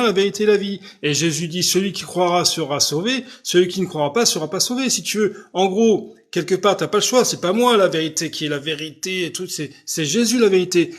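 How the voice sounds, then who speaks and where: Loud, insistent French-speaking preacher. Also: male voice, on the high side. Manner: loud, insistent speech with frequent rhetorical checks. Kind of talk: live-stream preaching, answering viewers' questions.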